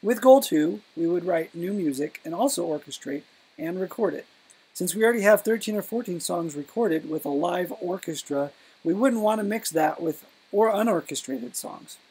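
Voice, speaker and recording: A woman co-hosting a casual live question-and-answer chat, talking slowly and haltingly, trailing off while she types. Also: fairly low pitch, expressive, a little mellow, breathy edge, rough recording. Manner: slow, halting, often trailing off while typing. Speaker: co-host of a live Q&A.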